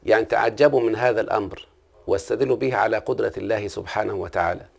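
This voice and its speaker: Racing through a classical Arabic grammar lesson, a man with an Egyptian accent and a fairly low, gravelly voice keeps pausing to ask his listener check-in questions.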